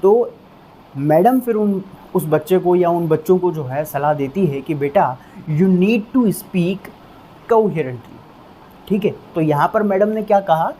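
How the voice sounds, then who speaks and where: A man teaching English vocabulary in Hindi, explaining patiently and drilling each word with slow repetitions. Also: high-pitched, mellow, slight background noise.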